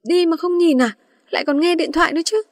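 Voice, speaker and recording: A feisty young woman snaps back with indignant sass in a storybook tale, read by a woman narrator. The voice is high and close, with a dry sound. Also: quick pace, no room sound. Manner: sassy, indignant. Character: feisty young female student, hot-tempered.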